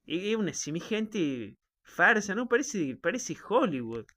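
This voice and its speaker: A man's voice: sits high, sing-song, measured pace, sharp tone. A man with a Rioplatense Argentine accent, talking in a loose, rambling, sardonic monologue and tagging his sentences with questions to the listener. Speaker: show host.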